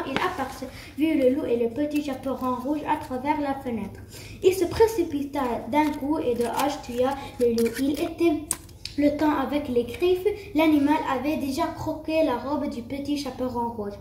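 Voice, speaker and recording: A woman's voice: sits high, mellow, distant mic, a little hiss or hum. A woman reading a fairy tale aloud for a school puppet show, with a few restarts. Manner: storybook reading with occasional restarts and fillers. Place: school room. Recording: roomy, faint background ambience.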